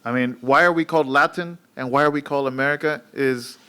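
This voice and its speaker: A man who gives the lecture, calmly gathering audience questions and starting his answers in a plain, easygoing way. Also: medium pitch, fast talker, clean tone. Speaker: lecturer and moderator of the talk.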